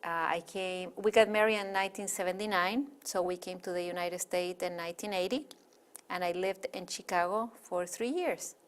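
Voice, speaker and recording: A woman's voice: fairly low pitch, fairly even intonation, moderate pace. A middle-aged woman from Chile with a Chilean Spanish accent, a Spanish native speaker, talking as an interview guest in a chatty, rambling way with many fillers.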